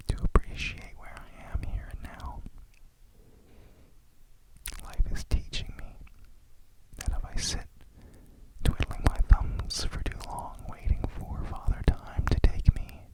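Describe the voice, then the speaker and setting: A person whispering ASMR affirmations and guided meditation in a reflective, deliberate way. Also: low-quality recording. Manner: slow, reflective, deliberate phrasing.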